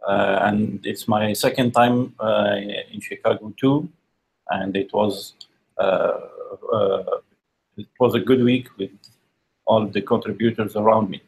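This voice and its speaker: A man from Algeria with a husky, low voice introduces himself at a team meeting. He speaks slowly and hesitantly. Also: fairly even intonation, poor audio. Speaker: meeting participant.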